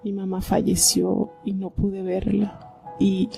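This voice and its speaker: A woman's voice: medium pitch, monotone, takes it slowly, vocal fry, warm tone, soft background music. A woman from Venezuela, giving heartfelt devotional Bible commentary and often asking her listeners "¿verdad?".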